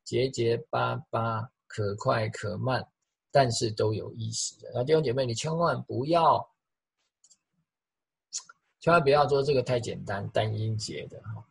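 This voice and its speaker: A middle-aged man preaching with a deeply raspy, breathy voice. He is lively and demonstrative, repeats phrases for emphasis and acts out the sounds he talks about. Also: moderate pace, pauses often, low-quality recording. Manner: animated, vocally imitates the sounds he describes. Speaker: pastor. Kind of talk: sermon.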